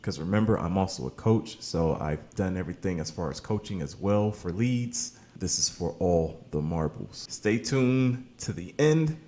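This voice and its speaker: Low-pitched and animated, this man talks at a moderate clip with barely any pauses and a dark tone. He runs an online marketing channel, casually hyping deals to camera, calling viewers "baby" and "man," worn out from a late-night session.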